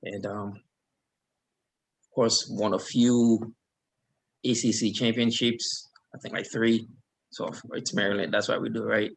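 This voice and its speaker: Guest, man, 30s, from Haiti, low gravelly voice, easygoing rambling talk on a video call. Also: slow pace, pauses often. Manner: relaxed, rambling with fillers. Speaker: guest, alumnus. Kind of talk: casual webinar chat.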